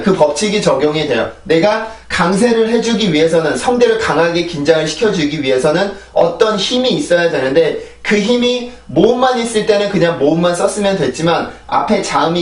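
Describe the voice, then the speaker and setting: A man's voice: a little high, far from the mic. A man teaching English pronunciation in an online lesson, explaining patiently and drilling words aloud, often checking with "right?". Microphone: camera-mounted shotgun mic on a phone. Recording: echoey room, voice a bit off-mic.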